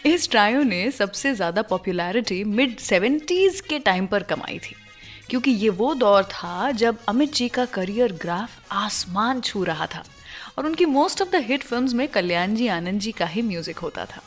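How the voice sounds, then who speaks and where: A woman with a mid-range voice hosts a radio music show, speaking a little slowly and with animation. She tells stories in a scripted yet conversational manner, slipping in English phrases, with background music playing under her voice.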